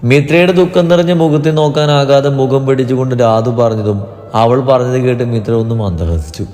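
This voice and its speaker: A man narrating a romantic family story in a steady, even reading. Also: medium pitch, a little fast, long reverb tail, faint music behind.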